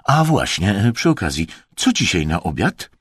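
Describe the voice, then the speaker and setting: A man voicing a curt, gruff male expedition leader who talks in clipped, sharp phrases. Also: low-pitched, sing-song, normal speed, no echo, studio quality, heavily acted.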